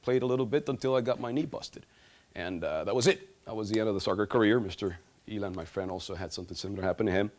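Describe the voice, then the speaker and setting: A man's voice: lowish voice, quick pace. A man, telling funny stories in a stage talk. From Guatemala. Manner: animated, gesturing, humorous storytelling. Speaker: student speaker. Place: large auditorium stage.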